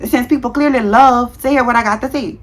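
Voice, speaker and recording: A woman in her thirties, a nurse, chatting casually to her viewers in a vlog, talking fast with a heavy tongue and sometimes tripping over words. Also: a little high. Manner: frank, slangy, addresses viewers as y'all. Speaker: nurse and content creator.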